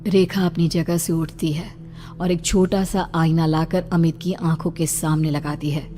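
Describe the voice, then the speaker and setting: A woman narrating a children's cartoon story in a calm storytelling manner. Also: deep voice, a little slow, over music.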